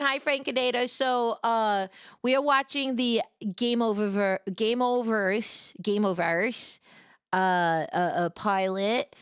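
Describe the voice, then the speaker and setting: A woman's voice: medium pitch, a bit bright, clear, resonant tone, dry recording, studio quality. A woman from New York hosting a casual livestream as a VTuber, chatting in the manner of a diner waitress with effusive, sing-song greetings. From New York, United States. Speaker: VTuber streamer and host.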